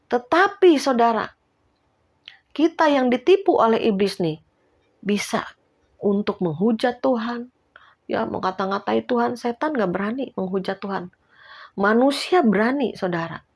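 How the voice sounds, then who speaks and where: Older woman preacher, earnest and exhortative, folksy, quick to chuckle. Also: on the high side, animated. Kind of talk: sermon.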